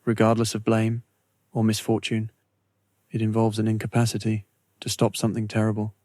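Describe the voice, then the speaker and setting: A man with a fairly low voice guides a scripted meditation, keeping his intonation very flat and steady. He places each phrase deliberately with soothing pauses, and the recording is dry and close with no room sound.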